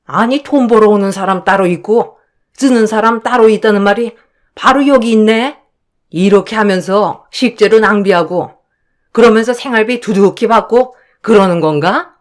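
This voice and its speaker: A woman's voice: mid-range voice, moderate pace, natural voice. Nagging mean old mother-in-law, woman putting her on, scolds and sneers. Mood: scolding. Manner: scolding, contemptuous. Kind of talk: story drama voice acting.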